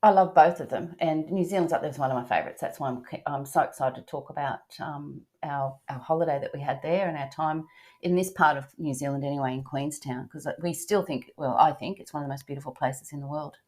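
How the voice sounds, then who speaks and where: Older Australian woman, podcast co-host, chatty and warm-paced with lots of ums, lower-pitched voice. Cast a grandmother type who laughs easily. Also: fairly quick. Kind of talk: casual travel podcast chat.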